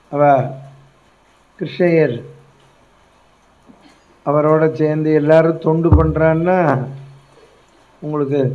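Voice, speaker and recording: A man's voice: on the high side, muffled recording. A man from Tamil Nadu, India, telling an epic in an emphatic sermon, checking in with his audience. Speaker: religious storyteller.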